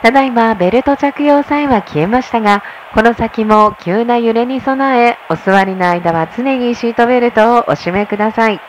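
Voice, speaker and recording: A flight attendant, a woman, giving a polite, measured inflight announcement over the cabin PA. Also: fairly high pitch, a little hiss or hum. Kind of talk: formal bilingual inflight announcement. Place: airplane cabin.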